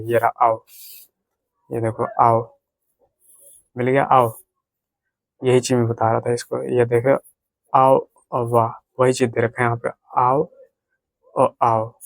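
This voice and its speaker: A man gives a grammar lesson, breaking each point down slowly and going back over it again and again. His voice stays level, with little rise or fall. The sound is close and dry. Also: mid-range voice, no echo. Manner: repetitive, slow step-by-step explaining. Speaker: Hindi grammar teacher. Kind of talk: explanatory lesson at a whiteboard.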